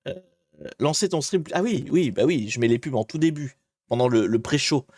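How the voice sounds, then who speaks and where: A man's voice: mid-range voice, lively intonation, brisk, darkish tone, no echo. Chatty man hosting a casual live stream. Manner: jokey and chatty, greeting viewers.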